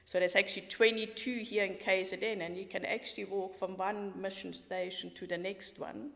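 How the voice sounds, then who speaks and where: Speaking at normal speed with a mid-range, creaky voice that hardly shifts in pitch, a middle-aged Swiss walking tour guide gives a podcast interview in her Swiss accent. She sounds enthusiastic but matter-of-fact, and the recording has a roomy, hall-like reverb.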